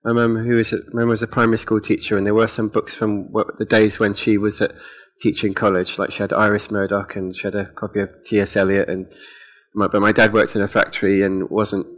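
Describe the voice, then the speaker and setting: Hesitant, lower-voiced man on a panel. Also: flat delivery, a little fast. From England. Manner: hesitant, many ums, self-deprecating. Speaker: poet on a panel. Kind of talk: live onstage conversation. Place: festival event before an audience.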